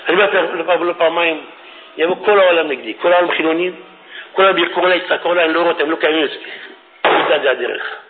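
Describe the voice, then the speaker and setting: A middle-aged man preaching a fiery religious sermon, swinging between shouting and hushed tones. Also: on the high side. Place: religious study hall. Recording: tinny phone-like radio recording.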